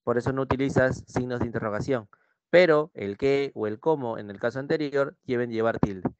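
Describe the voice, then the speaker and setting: A man's voice: medium pitch, fairly quick, no room sound, muffled recording. Peruvian man teaching a language class. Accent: Peruvian Spanish. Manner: repetitive, checks in with students using "¿sí?". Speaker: pre-university language teacher. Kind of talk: online class lecture.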